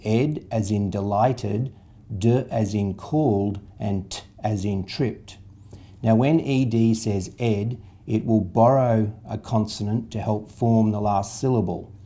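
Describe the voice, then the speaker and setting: A man's voice: on the low side, warm tone. A man, patiently explaining a reading method step by step, spelling out letters and sounds. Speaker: literacy tutor.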